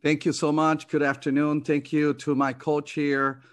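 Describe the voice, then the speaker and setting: A middle-aged New York man, serving as committee chair, reads an opening statement from his notes over a video call from his home office indoors. His voice is a little high with little pitch movement, and he's unhurried, with fillers and restarts. There's no echo.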